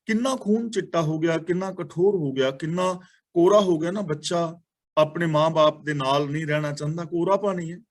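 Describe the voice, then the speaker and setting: A man teaching scripture in a fairly high voice. He reads each verse slowly with care, then explains its meaning earnestly and repeats the key words. His delivery is that of a class lesson.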